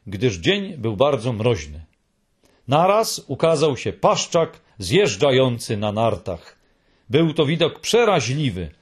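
Male narrator for a storybook; husky, animated delivery with lots of pitch movement. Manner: expressive reading.

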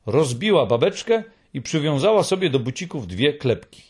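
A man narrating a children's storybook in an expressive reading style. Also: on the high side, normal speed, slightly rough.

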